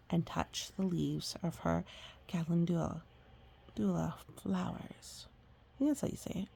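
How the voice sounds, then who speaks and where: Reading a picture book to young children, a woman with a husky, breathy, medium-pitched voice breaks off for chatty asides that gently explain things, along with murmured agreement.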